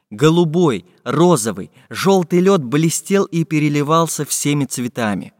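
Lively male fairy-tale narrator. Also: fairly high pitch. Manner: lively, expressive storytelling. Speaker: audiobook narrator. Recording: dry studio voice with long reverb.

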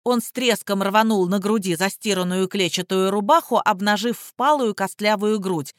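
A reader narrating a crime story in steady, even storytelling. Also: mid-range voice, normal speed, dry recording, studio quality. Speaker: audiobook narrator. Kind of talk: scripted narration.

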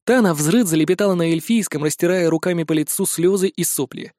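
A man narrating a fantasy adventure in first person, brisk and wry. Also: high voice, darkish tone, no room sound, studio quality. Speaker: audiobook narrator.

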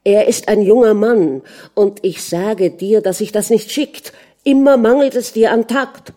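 A woman reading an audiobook and voicing a jealous, hot-tempered aristocratic prince who scolds and shouts at his wife. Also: mid-range voice, moderate pace, close to an everyday voice. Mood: reproachful.

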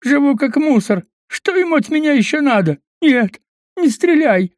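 A cowardly, jittery scavenger, put on by a male audiobook reader, pleads and explains in a high, strained voice that keeps rising in fear. The sound is dry and close, with no room around it. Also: lively intonation, normal speed, a little mellow, no echo. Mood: terrified pleading.

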